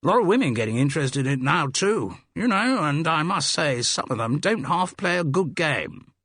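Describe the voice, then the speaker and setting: Pitching above his natural voice, a man plays a jovial, blustering sixtyish Englishman, a chubby, guffawing cricket lover with a hearty public school accent and a habit of chummy tag questions. The audiobook read is slightly bright and high, with big pitch swings at a moderate pace, recorded dry and clean in a studio.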